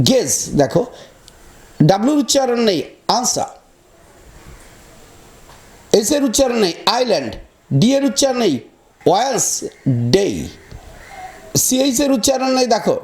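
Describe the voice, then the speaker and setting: Speaking at an extremely high pitch with a darkish tone, this man runs a pronunciation lesson for his students. He addresses them directly, spelling each word letter by letter and saying words again slowly.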